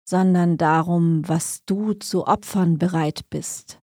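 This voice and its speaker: An ancient, sinister stranger of the forest, as a woman narrator voices him, drawing out each word slowly with quiet mockery. The tone is mellow and dark, recorded dry and close in an audio story. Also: on the low side, steady tone, slightly rough, dry recording. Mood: slow menace. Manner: slow, mocking, drawn-out words.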